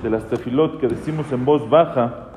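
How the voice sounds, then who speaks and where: A man's voice: mid-range voice, moderate pace, darkish tone, slight background noise. A man, a rabbi, explaining Hebrew texts in a class and putting questions to his listeners. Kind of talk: Torah class. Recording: echoey room, long reverb.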